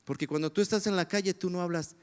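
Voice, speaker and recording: A man preaching with passion, his voice pitched notably high for a man. He drives the story forward and keeps asking the congregation rhetorical questions. The sound trails off in the long reverb of a church hall. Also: fast, clean tone. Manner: impassioned, dramatic retelling with rhetorical questions to the congregation. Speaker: pastor. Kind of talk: sermon.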